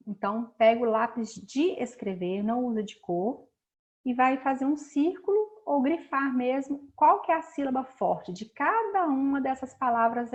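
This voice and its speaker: Woman teacher, slightly high voice, patient and slow, draws out words to show stress. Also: lo-fi sound. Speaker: schoolteacher. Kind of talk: recorded remote class lesson.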